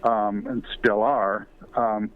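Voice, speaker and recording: A man's voice: on the low side, little pitch movement, slow pace, clear, resonant tone. Older man telling stories over a phone line. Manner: rambling anecdotal storytelling with many fillers. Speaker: interview guest, former ballplayer and author. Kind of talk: storytelling in a podcast interview.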